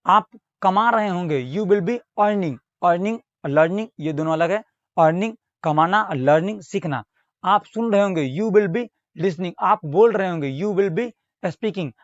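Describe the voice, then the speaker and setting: A man with an Indian accent teaching English grammar in Hindi, reading example sentences slowly and carefully. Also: fairly high pitch, no echo. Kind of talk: Hindi-language grammar lesson with spoken examples. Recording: dull, slightly lo-fi recording.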